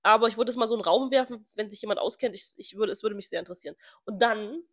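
A young woman co-hosting a podcast in casual chat, chatty and quick to laugh, sometimes searching for words. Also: mid-range voice, fairly bright tone. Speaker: podcast co-host.

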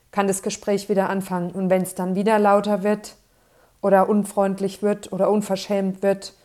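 A woman life coach giving a spoken self-help talk, calm and persuasive, adding "ja" tags and repeating set phrases. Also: medium pitch. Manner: calm, persuasive, with frequent "ja" tags and small restarts.

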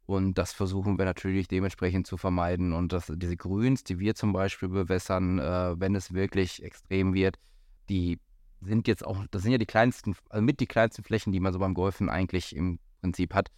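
A man's voice: low voice, little pitch movement, fairly quick, darkish tone, dry recording, clean studio sound. A man talking as a golf pro in a casual podcast chat, hesitant, with many fillers and restarts. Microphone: studio microphone.

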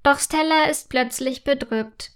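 Slow, gentle woman reading a children's story. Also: high-pitched. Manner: slow, gentle and clearly articulated. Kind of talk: scripted children's story narration.

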